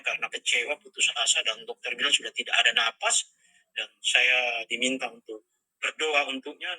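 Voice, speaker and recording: A man's voice: mid-range voice, pushed and bright, husky, no room sound, rough recording. A middle-aged man telling his life story as a personal testimony, in an earnest storytelling way and acting out the dialogue. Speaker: pastor giving a testimony.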